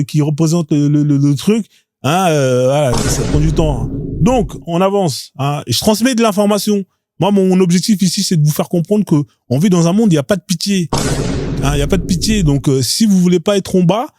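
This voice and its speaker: A man's voice: fairly high pitch, dark tone, dry recording. A man hosting a live stream in casual commentary, talking bluntly and crudely, often tossing out a rhetorical "hein?".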